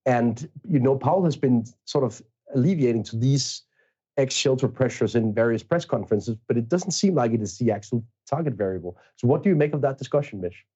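Male interview host from Denmark with a dark, husky low voice and long, thoughtful questions. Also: animated, a little fast, highs cut off. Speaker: podcast host.

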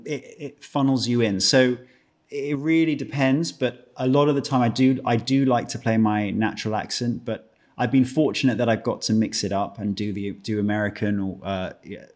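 A man's voice: medium pitch, steady tone, normal speed, darkish tone. A British man in his thirties, a guest actor chatting casually on a podcast, joking and mocking himself, often restarting his sentences. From Britain.

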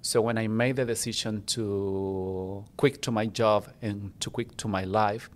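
A man's voice: lowish voice, steady tone, unhurried. Chilean man telling his story. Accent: Chilean Spanish. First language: Spanish. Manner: warm and chatty, with non-native grammar slips. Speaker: guest, international student. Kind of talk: casual personal storytelling.

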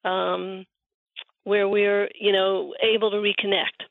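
Phone-line woman with a creaky voice. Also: mid-range voice, level tone, no echo. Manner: halting, thoughtful, anecdotal. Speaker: interview guest, researcher and writer on friendship. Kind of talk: conversational interview answers. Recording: muffled, phone-like narrow band.

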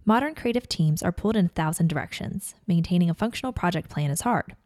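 Low-voiced woman podcast host, dry studio sound. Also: lively intonation, darkish tone, no room sound. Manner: brisk, prompting questions with frequent "mm-hmm". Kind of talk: podcast interview hosting and ad read.

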